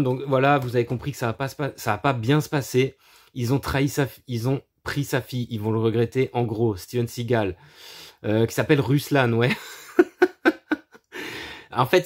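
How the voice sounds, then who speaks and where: A man chatting casually about his film collection, crude and profane, mocking with frequent laughs. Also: mid-range voice. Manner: laughs often, animated asides. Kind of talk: casual chat.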